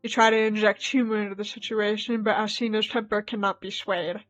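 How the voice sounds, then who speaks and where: A woman's voice: medium pitch, a little fast, soft background music. A woman streamer reading a dating game's text aloud and reacting with laughing asides. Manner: animated, laughing asides between read lines.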